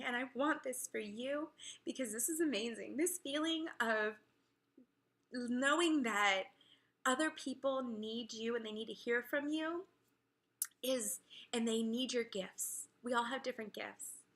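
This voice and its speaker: A woman's voice: a little high, measured pace, fairly bright tone. A woman fitness coach in her thirties talking to camera in a chatty, emotional way, sharing her own story with many fillers. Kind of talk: heartfelt personal talk to camera.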